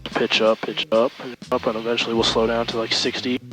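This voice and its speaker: A man gives calm intercom instructions as a flight instructor in a small plane cockpit. His tone stays flat and reassuring as he walks through each step in short, repeated phrases. Music plays clearly behind him. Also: mid-range voice, brisk, rough recording. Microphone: aviation headset intercom.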